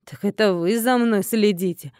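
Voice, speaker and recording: A woman voicing a mysterious dark-haired man who answers with mock innocence and teasing. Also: mid-range voice, normal speed, no echo, clean studio sound, lightly acted. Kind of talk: audiobook character voice.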